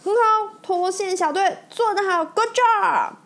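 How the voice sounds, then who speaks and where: A lively young race car hero from a storybook who calls out loud and high, with a woman doing the voice. His pitch jumps far above her own reading voice, bright and full of energy. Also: normal speed. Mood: excited. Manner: shouting, lively.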